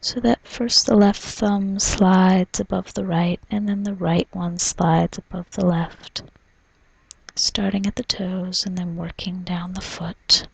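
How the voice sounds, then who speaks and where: A woman doing an ASMR role-play as a spa massage therapist, in a soft, soothing, breathy soft voice, narrating gently. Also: fairly low pitch, fairly even intonation, slow, no echo, low-quality recording. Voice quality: breathy, mostly unvoiced soft voice. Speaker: reflexologist giving a foot massage.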